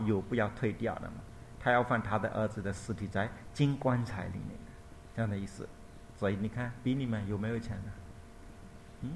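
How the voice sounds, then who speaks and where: A male monk telling a Buddhist story in a dharma talk. He is repetitive and explanatory, pauses to search for words and closes points softly. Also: fairly low pitch, vocal fry, a little hiss or hum. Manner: repetitive, explanatory, ends points with a quiet tag.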